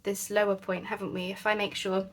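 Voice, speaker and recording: A woman's voice: medium pitch, flat delivery, a little fast. A woman chatting casually as she works on a craft project, thinking aloud with lots of fillers. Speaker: crafting channel host.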